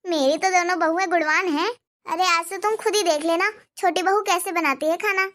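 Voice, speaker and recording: Cartoon mother-in-law, older and wise, firm and steady, voiced by a woman, with a very high voice. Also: fairly quick. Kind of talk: cartoon dubbing.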